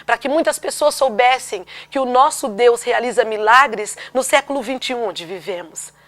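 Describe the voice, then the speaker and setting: Brief: Brazilian Portuguese-accented woman, fairly high voice, emphatic church testimony storyteller. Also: normal speed, fairly bright tone. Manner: emphatic, dramatic storytelling with rhetorical questions. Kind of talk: preached personal testimony.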